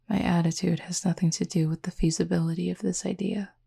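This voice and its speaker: In a full character voice, a woman plays a reticent supernatural cupid for an intimate audio roleplay, sounding wryly amused. Her voice is low for a woman, very creaky and husky, frequently near a whisper, with fairly flat pitch. She speaks in a formal, measured way that is tender yet gently wry.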